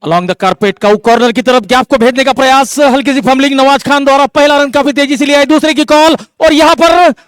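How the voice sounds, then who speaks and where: A man giving live ball-by-ball cricket commentary, with excitable, drawn-out calls on the big moments. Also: very high voice, dry recording.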